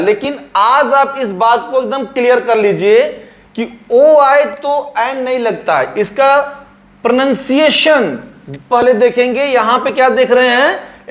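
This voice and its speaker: High-voiced man teaching slowly. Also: fairly bright tone. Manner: slow, drawn-out explanations, repeating words. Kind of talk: grammar lesson at a board.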